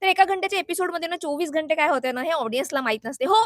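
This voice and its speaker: A young woman vlogger gives a sarcastic, indignant reaction to a reality show, scolding and mixing English and Hindi words in an opinionated vlog. Her voice sits high and sounds animated and racing, with no room sound.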